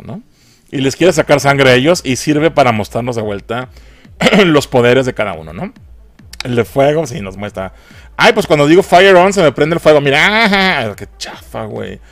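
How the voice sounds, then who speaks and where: A man with a Mexican accent giving a casual, profane film review. He mocks the movie and laughs often. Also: medium pitch.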